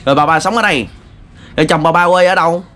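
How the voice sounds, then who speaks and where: A man with a Southern Vietnamese accent, interviewing politely and gently with many fillers. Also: fairly high pitch, fast talker. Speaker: vlogger interviewer. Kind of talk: casual interview.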